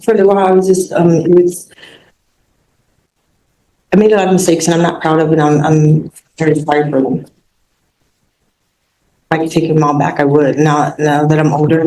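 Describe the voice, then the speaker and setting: A woman defendant speaking haltingly and apologetically in court, with many pauses and fillers. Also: deep voice, dark tone, slight background noise. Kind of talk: courtroom statement. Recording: distant echoey courtroom mic.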